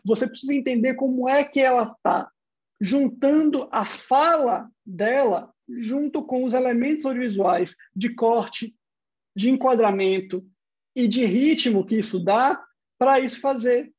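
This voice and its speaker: A man's voice: very high-pitched, unhurried, muffled recording. A man with a Brazilian Portuguese accent giving an online university lecture, explaining step by step and posing rhetorical questions.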